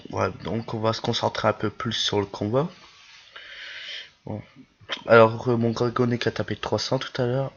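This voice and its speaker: A man's voice: lowish voice, breathy edge. A man with a lisp and slushy s sounds gives casual game commentary, hesitant, searching for words and repeating himself. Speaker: YouTube gameplay host. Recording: dull lo-fi microphone.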